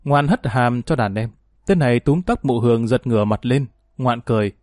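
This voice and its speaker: A man reading a gangster story aloud in a steady dramatic narration. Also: mid-range voice, normal speed, no echo, studio quality.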